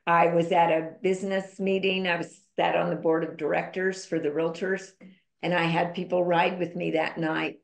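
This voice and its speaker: A woman's voice: lowish voice, little pitch movement, normal speed, gravelly. A woman guest on a podcast, telling a personal story in an emphatic, candid way. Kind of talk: conversational storytelling interview. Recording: roomy echo.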